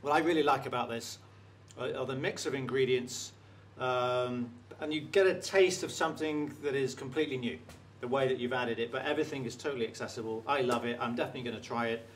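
A man hosting a cooking show who tastes a dish and praises it in a halting, restarting way. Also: mid-range voice, slight background noise. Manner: effusive, praises the food while tasting. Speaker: host. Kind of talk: casual cooking show chat.

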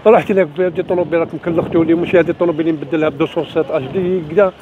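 An older Algerian man tells his grievance in an agitated, repetitive way. He speaks quickly in a high voice for a man. The phone recording is dull, with clear street noise around him. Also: steady tone. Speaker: member of the public telling his grievance. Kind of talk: spontaneous spoken account to camera. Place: outdoors on a city street.

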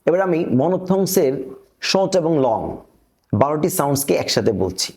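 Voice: medium pitch, lively intonation, moderate pace, a little mellow. A teacher from Bangladesh gives a phonetics lesson, saying each vowel sound twice and drilling example words. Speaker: pronunciation teacher.

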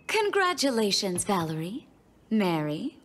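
A woman's voice: medium pitch, sing-song, measured pace. A woman playing a composed, authoritative cartoon professor who speaks politely and formally. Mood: gracious. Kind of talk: animated cartoon voice acting.

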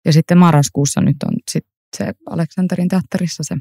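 A woman actor as a podcast guest, telling lively anecdotes with frequent laughter and many fillers, recorded in a library room. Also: fairly low pitch, gravelly, no room sound, studio quality. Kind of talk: casual interview storytelling.

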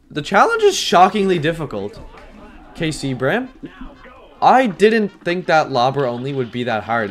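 A young man giving casual commentary while streaming a hard game, chatty and self-deprecating, with many fillers and sudden yelps. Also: mid-range voice. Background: game music.

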